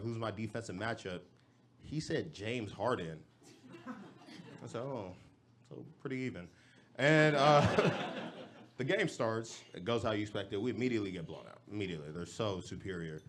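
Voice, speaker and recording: A young man from Los Angeles performing a stand-up comedy set on a club stage, talking in a casual, slangy, deadpan way. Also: on the low side, slight background noise.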